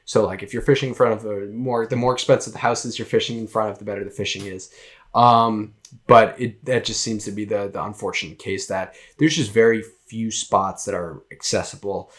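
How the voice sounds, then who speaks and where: Young massachusetts guy chatting on his podcast, kinda low voice, lots of ums and restarts. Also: steady tone, brisk. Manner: rambling, many fillers and restarts. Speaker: podcast host. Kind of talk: casual solo podcast talk.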